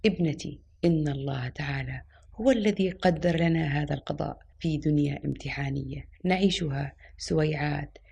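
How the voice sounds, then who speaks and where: Woman reading wise old woman, storybook, firm preaching, gravelly, husky. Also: deep voice, mellow, full character voice. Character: wise elderly woman, calm and steadfast.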